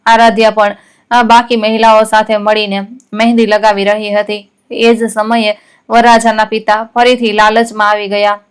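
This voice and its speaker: A woman narrating a scripted story in a steady, measured reading. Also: medium pitch, clean tone.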